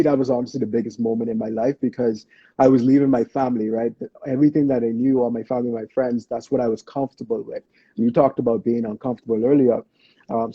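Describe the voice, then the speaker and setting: A man's voice: medium pitch, slightly rough, dry recording, muffled recording. A man from the Bahamas hosting a podcast, affirming and reflective, often praising his guest in casual interview chat. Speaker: podcast host.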